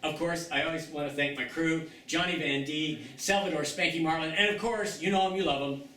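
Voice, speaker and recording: A man hosting a comedy sketch show, rambling and coaxing with halting restarts as he signs off. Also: on the high side, steady tone, sharp tone. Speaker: show host. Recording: roomy, distant sound with faint noise.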